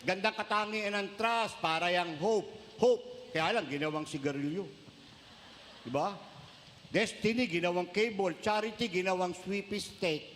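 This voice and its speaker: High bright-voiced priest preaching. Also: male voice, a little slow, big-room sound, a little hiss or hum. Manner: jokey storytelling, mixes Tagalog and English. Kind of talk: humorous sermon.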